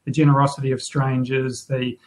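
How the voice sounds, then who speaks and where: A middle-aged man hosting an interview over a video call, chatting in a relaxed way and asking leading questions. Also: medium pitch, fairly quick, rough recording. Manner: conversational, asks leading questions. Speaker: podcast host. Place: room at home.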